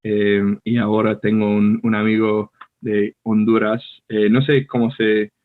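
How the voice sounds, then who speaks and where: A man's voice: fairly low pitch, level tone, a little slow. A young American man whose first language is English, speaking Spanish with a picked-up Argentine accent, hesitant and searching for words in a casual chat. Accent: Argentine Spanish, learned as an American. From United States. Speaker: podcast co-host. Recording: tinny phone-like call audio.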